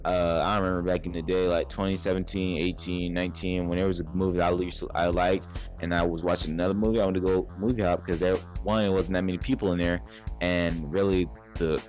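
Rambling through a casual podcast chat, this young man keeps restarting his sentences as he hosts. His voice is low and slightly mellow.

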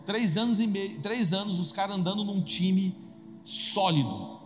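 A Brazilian preacher tells the story with jokes and acted voices, his voice pitched notably high for a man. His sermon carries through a church with a long reverb. Soft music plays underneath. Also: unhurried. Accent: Brazilian Portuguese. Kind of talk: humorous sermon. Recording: echoey hall with soft music.

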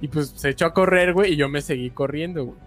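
A young man with a Mexican accent, a streamer casually telling a story in slangy, animated speech, dropping "güey" all the time. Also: a little high, fast talker, faint music behind. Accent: Mexican Spanish.

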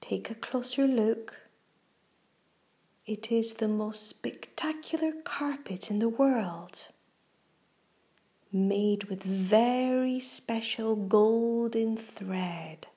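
Her voice fairly high, a woman reads a guided meditation for a children's relaxation program. She keeps to a gentle, breathy half-whisper and paces her words slowly and soothingly.

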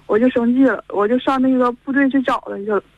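A woman's voice: on the high side, fairly even intonation, fast talker, no echo. A young woman in her twenties with a Northeastern Mandarin accent, calling in and telling her story in a rambling way, stringing events together with "and then". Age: 20s. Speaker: caller. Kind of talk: call-in chat. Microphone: telephone. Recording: dull lo-fi phone line.

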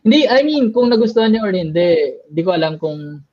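A man's voice: high voice, sing-song, brisk, a little mellow. Hesitant man on a lo-fi recording. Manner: hesitant, trails off with fillers. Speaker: podcast co-host. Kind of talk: casual candid chat. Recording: dull lo-fi sound.

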